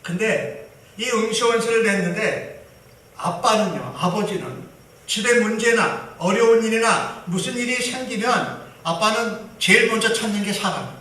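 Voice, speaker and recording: A man's voice: high-pitched, animated, normal speed, sharp tone, distant mic. A male pastor preaching a sermon, telling a story with emphatic turns. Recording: echoey hall from afar, faint hiss.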